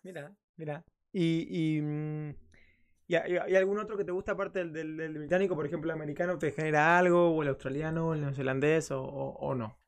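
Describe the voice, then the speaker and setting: A man, hosting a casual interview and halting over his words, repeating them as he starts sentences. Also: on the high side, steady tone. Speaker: interview host.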